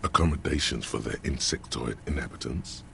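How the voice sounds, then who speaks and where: An all-knowing video game narrator with an extremely low, gravelly voice. He speaks slowly and solemnly, describing everything in grave detail, with a faint hiss underneath. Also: exaggerated voice.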